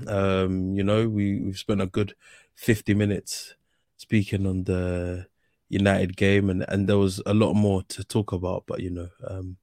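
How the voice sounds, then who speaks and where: A man's voice: low voice, measured pace, darkish tone, no room sound, studio quality. A young man with a slangy London roadman accent, hosting a casual football chat. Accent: London, urban street slang. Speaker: host of a football discussion show.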